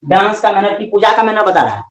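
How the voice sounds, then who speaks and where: A man with a Hindi accent teaching English grammar in a classroom lecture, lively and often asking questions that he then answers himself. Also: high voice, quick pace, roomy sound, poor audio.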